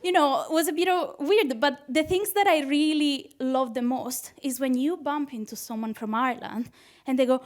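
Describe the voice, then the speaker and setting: A young Italian woman, a PhD student, does a nervous, chatty stand-up set on a club stage, laughing at her own jokes. Her voice sits high and she speaks at a moderate pace with an Italian accent.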